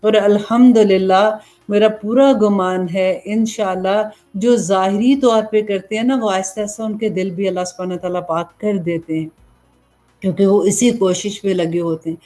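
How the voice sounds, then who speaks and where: A woman's voice: mid-range voice, steady tone, normal speed, mellow, soft background music. A woman preacher giving an earnest religious lecture, asking questions and then answering them herself. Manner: earnest, explanatory, asks and answers own questions. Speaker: Islamic preacher.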